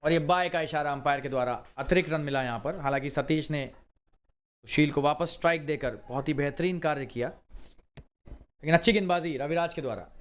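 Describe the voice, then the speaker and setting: A man giving excited live cricket commentary, exclaiming in short, emphatic bursts of praise. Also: a little high, lo-fi sound.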